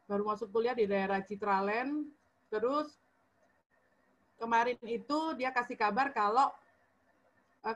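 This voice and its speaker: A woman's voice: fairly high pitch, fairly bright tone, muffled recording. A woman on a video call telling a personal story in casual talk, with many fillers and restarts, acting out the dialogue she quotes. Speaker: church member sharing a testimony.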